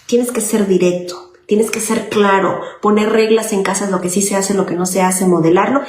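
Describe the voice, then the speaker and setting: A woman's voice: mid-range voice, steady tone, normal speed, darkish tone. A woman child psychologist, explaining parenting in an informal talk and often checking in with "okay?". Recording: echoey room with faint noise.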